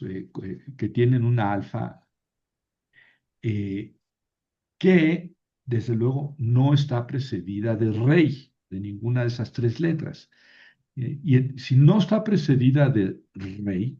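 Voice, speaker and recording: A male teacher walks a class through grammar at an unhurried pace. He explains patiently, often pausing to check that his students are following. The recording is dull and lo-fi, with a middling voice that sits neither high nor low. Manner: slow, patient explaining with frequent "¿verdad?" checks. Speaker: Biblical Greek teacher. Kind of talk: classroom lecture.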